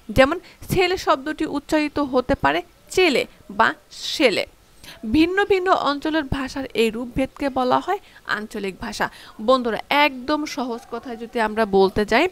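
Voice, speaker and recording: A woman's voice: sits high, a bit bright. A young woman from Bangladesh teaching a school lesson, explaining step by step with frequent fillers and restarts. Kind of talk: online class lesson.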